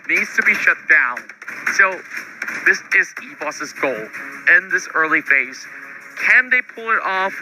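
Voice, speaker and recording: A man's voice: fairly high pitch, low-quality recording. A man co-casting an esports match, thoughtful and a little hesitant. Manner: thoughtful, drawn-out, hesitant fillers. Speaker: esports co-caster. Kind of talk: esports commentary.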